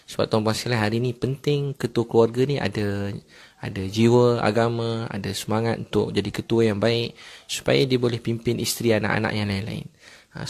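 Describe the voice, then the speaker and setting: A man giving a religious talk, telling personal stories quickly and filling pauses with a short "ha". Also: lowish voice, gravelly. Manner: quick storytelling with many filler "ha"s. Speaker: Islamic preacher.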